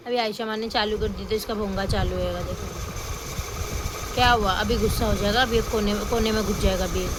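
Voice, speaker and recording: A woman's voice: mid-range voice, steady tone, fairly quick. A woman who is a mother, chatting casually to her phone camera in her home kitchen, teasing her son and talking through her chores. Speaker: vlogger, mother. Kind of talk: casual home vlog narration. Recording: noisy home recording.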